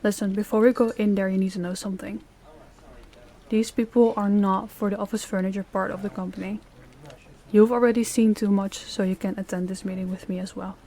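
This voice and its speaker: A woman's dark, mid-range voice comes out brisk and flat as she plays a stern crime boss running her department heads. It's scripted audio roleplay, lightly acted, with a commanding and businesslike manner.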